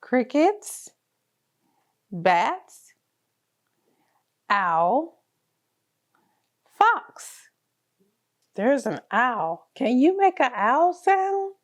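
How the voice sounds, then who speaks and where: Her voice is high and very animated, and she reads extremely slowly with long pauses. She's a children's story reader sharing a picture book aloud with toddlers in a sing-song, encouraging, child-directed tone.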